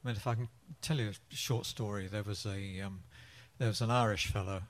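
A man telling a joke as a story, unhurried, with pauses and fillers. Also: lowish voice, fairly even intonation. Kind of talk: anecdotal joke-telling in English.

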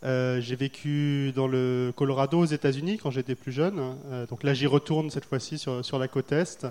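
At a festival interview, a French author guest talks at normal speed in a steady, mid-range voice that's a little mellow. His answers are thoughtful but halting, packed with hesitations and fillers.

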